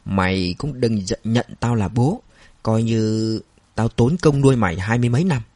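A bitter, scornful old father, as a narrator puts him on, shouting in a loud, slurred drone. His voice is dark and husky and sits close and dry, in a plain storybook reading. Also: on the low side, normal speed, no echo, lightly acted. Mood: scornful berating. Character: angry drunk older father, bitter and scornful.

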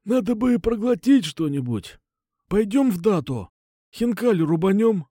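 A man's voice: sits high, big pitch swings, a little slow, dark tone, no room sound, clean studio sound, pitched above the performer's own voice, heavily acted. A man voicing a hungry, weary young friend who talks in a lazy, glum drawl. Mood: casual.

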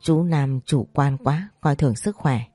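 A woman's voice: sits low, a little slow, warm tone, dry recording. A woman voicing a grown man, an elder brother-in-law who speaks steadily and reassuringly while holding back grief. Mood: calm.

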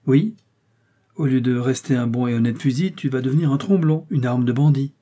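A man's voice: mid-range voice, a little fast, mellow, natural voice. A man reading a curt, commanding detective. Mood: probing. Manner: curt, authoritative questioning. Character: sharp, commanding male detective. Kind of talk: audiobook character reading.

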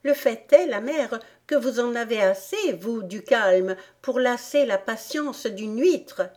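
A woman's voice: animated, slow, darkish tone. A woman doing a cheeky young crab girl. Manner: sour, cheeky, higher pitched. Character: impertinent young female crab.

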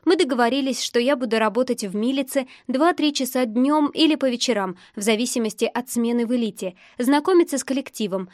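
A woman reads a first-person audiobook in a measured, even way. Her voice sits somewhat high. The recording is dry and close. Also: no echo. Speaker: narrator.

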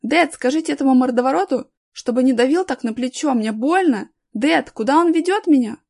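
A woman doing a loud, cheeky young boy. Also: high-pitched, measured pace. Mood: scared. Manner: loud, excited, indignant shouting. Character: boy, bold, cheeky, then frightened.

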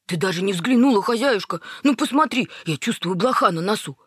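Woman doing a breathy, excitable, bossy little lap dog, close and dry. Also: mid-range voice, brisk, no room sound. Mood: fussy. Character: snobbish, hysterical small female dog.

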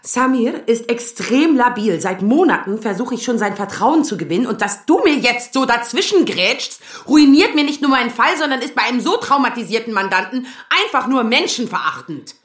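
A woman voicing a weary lawyer in her thirties who tries to stay calm with her mother, read as an audiobook. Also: fairly high pitch, moderate pace, few pauses, echoey room, lightly acted. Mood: firm. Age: 30s. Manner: exasperated, trying to stay calm. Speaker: asylum lawyer. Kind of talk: audiobook reading.

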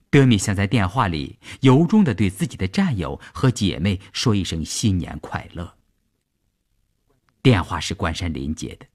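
Husky guy narrating a radio story, voice moves around a lot, calm steady telling. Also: lowish voice. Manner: measured, expressive storytelling. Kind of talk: radio serial reading.

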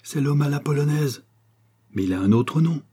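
A man's voice: a little high, lively intonation, moderate pace, dark tone, slightly rough, pitched above the performer's own voice. A man voicing a severe, commanding countess. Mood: demanding. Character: severe aristocratic countess, woman.

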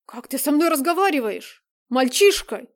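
A woman's voice: fairly high pitch, moderate pace, darkish tone, lightly acted. A woman reader voicing an anxious older stepfather who presses with questions and pleads for mercy. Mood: indignant. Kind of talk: audiobook character reading.

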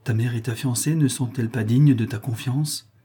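A man's voice: mid-range voice, steady tone, moderate pace, dark tone, husky. A man reading the part of an anxious noble mother who pleads with her son, his voice lifted a little. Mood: anxious pleading. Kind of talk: audiobook character voice.

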